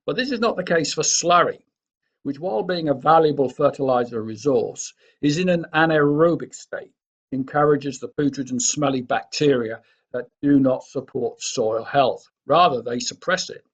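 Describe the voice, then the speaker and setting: A man delivering a scripted presentation in a formal, measured, explanatory manner. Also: medium pitch, husky.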